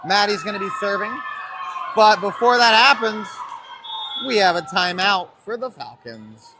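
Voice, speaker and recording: A man with a high-pitched voice and lively intonation does cheerful, chatty play-by-play for a high school volleyball stream, speaking at a measured pace. He calls plays by player names and numbers, and the school gym audio is noisy.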